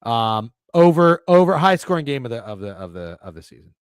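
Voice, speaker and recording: Animated, excitable male betting podcaster. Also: mid-range voice, a little fast, smooth, no room sound, clean studio sound. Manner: animated, excitable, swears freely, stumbles over words. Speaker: sports betting podcast co-host. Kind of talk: casual chat.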